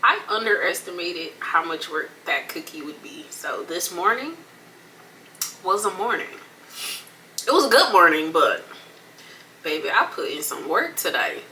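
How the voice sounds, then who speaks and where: A woman's voice: lowish voice, big pitch swings, unhurried, pauses often, pushed and bright, distant mic, a little hiss or hum, rough recording. An American woman talks casually and colloquially in a mukbang, eating crunchy fried chicken between and during her phrases. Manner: folksy, colloquial, repeats phrases for emphasis. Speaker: mukbang vlogger.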